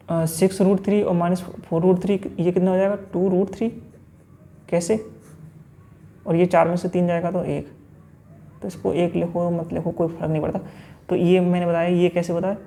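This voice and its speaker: A man's voice: high-pitched, vocal fry, dark tone, slight background noise. A man teaching an exam-prep math lesson, working through each step aloud and answering his own questions.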